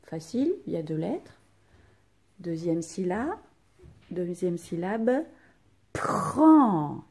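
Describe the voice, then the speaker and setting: A woman's voice: fairly low pitch, big pitch swings, slow, pauses often, mellow, breathy edge. A woman teacher giving a dictation to young children, spelling out letters and sounds and stressing each syllable.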